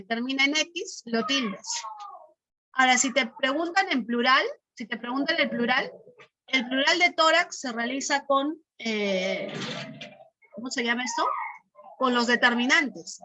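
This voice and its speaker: A woman's voice: sits high, a little slow, pauses often, pushed and bright, low-quality recording. A woman teacher giving a class. She explains step by step, repeats key terms, and keeps checking in with short questions. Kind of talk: online class lesson.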